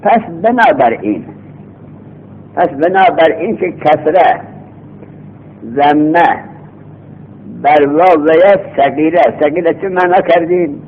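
A man teaching a grammar class, repeating each rule slowly and then explaining it in quick bursts, heard from an old cassette recording. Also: on the high side, animated, breathy edge. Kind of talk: classroom lecture. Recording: lo-fi cassette tape, thin phone-like sound.

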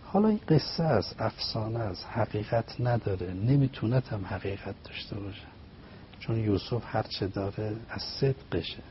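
A man as a religious guest speaker, explaining poetry through a story in animated, rhythmic phrases. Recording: slightly dull with faint rumble.

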